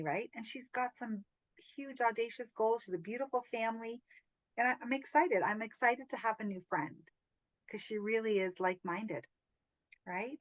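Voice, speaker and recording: A woman hosting a casual group coaching call on video, telling stories in a chatty, animated way, laughing often and checking in with "right?". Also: on the high side, no echo, low-quality recording. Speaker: business training host.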